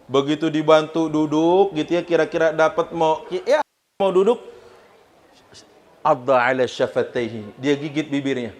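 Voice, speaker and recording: Joking Betawi preacher. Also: male voice, fairly high pitch, moderate pace. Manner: jokey, animated, chatty with the audience. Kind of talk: humorous sermon.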